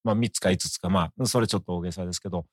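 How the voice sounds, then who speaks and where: A middle-aged man with an Osaka accent, a guest in a conversational interview, talking in a measured, reflective way. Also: sits low, no echo, clean studio sound. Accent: Osaka Japanese.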